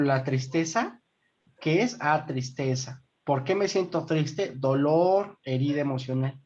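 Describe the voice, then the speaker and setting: A woman's voice: low-pitched, a little mellow. A woman with a Mexican accent leading a formation class. She explains step by step, keeps checking that her listeners follow, and addresses them as brothers and sisters. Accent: Mexican Spanish. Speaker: formation instructor. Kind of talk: online group class. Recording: dull lo-fi recording.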